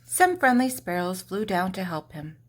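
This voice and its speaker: Very animated, this older woman narrates a children's storybook in a mid-range voice. She builds drama with intentional pauses and stressed words.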